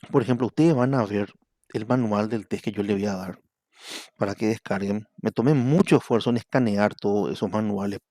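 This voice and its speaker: A man's voice: lowish voice, vocal fry, dark tone, dry recording, clean studio sound. A middle-aged man with a Paraguayan Spanish accent giving an online university lecture, explaining step by step and checking in with his students. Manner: explanatory, repeatedly asks "¿verdad?".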